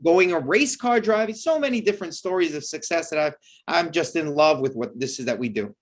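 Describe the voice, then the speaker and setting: A man in his thirties, born in El Salvador and speaking English as a second language, talks through his work as a surgeon. His voice sits a little high for a man, and he speaks earnestly and with enthusiasm, often restarting his sentences. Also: expressive, fairly quick. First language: Spanish. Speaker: bariatric surgeon guest. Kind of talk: interview answers.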